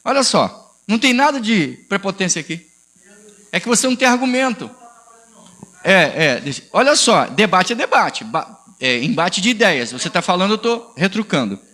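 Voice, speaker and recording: A man's voice: high voice, big pitch swings, moderate pace, pushed and bright. A man preaching on a live stream as pastor, combative and ironic, arguing with a commenter. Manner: combative, ironic, calls listener "filho" and "amigo".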